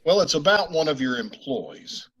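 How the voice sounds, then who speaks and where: An actor playing a polite, terse, businesslike police sergeant questioning people in an old-time radio police drama. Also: male voice, a little high, animated, moderate pace, a bit bright, slightly rough, low-quality recording. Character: polite, matter-of-fact male police sergeant, terse investigator. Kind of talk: 1950s radio police drama acting and narration.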